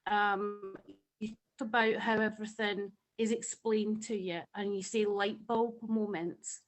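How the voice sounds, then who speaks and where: A woman with a Scottish accent talks over a video call. She gushes with passion and turns emotional at times, her voice sitting at a middling pitch. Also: flat delivery, unhurried, soft background music, poor audio. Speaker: webinar participant.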